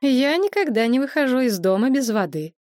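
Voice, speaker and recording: A woman voicing a practical, sharp-tongued woman who speaks curtly and commandingly. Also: sits high, animated, dry recording, studio quality, pitched above the performer's own voice. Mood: stern. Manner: curt, brisk, commanding.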